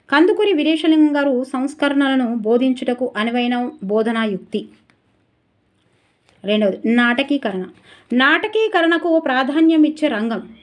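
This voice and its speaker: A woman teacher giving a brisk, chatty exam revision lesson and turning aside to talk to viewers. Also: high-pitched.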